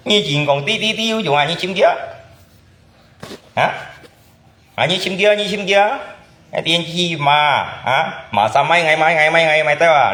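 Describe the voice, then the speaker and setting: A man's voice: fairly high pitch, sharp tone. Chatty man in a roomy echo. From Indonesia. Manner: chatty, often asks back with short questions. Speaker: channel host. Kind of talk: casual chat.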